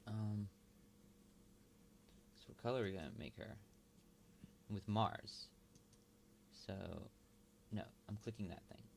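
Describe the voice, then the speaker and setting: A man thinking aloud while he works, mumbling and halting as he talks to himself. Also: lowish voice, lively intonation, slight background noise. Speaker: video host.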